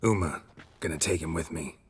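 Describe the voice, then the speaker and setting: An actor playing a terse, grim monster hunter who speaks in curt, flat threats. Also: male voice, extremely low pitch, fairly quick, breathy edge, exaggerated voice. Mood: menacing.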